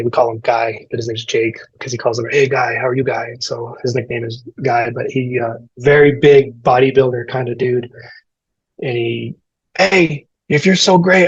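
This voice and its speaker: A man's voice: mid-range voice, husky, no echo, muffled recording. A man in his thirties from El Paso, Texas, a firefighter guest on a podcast, telling candid, self-deprecating stories and explaining how things work step by step. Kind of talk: podcast interview storytelling.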